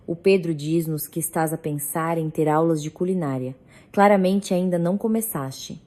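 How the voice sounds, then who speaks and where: A woman's voice: low voice, moderate pace, a little mellow, natural voice. A woman doing a harsh, scolding mother-in-law. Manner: scolding, contemptuous. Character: domineering older mother-in-law, harsh and accusing.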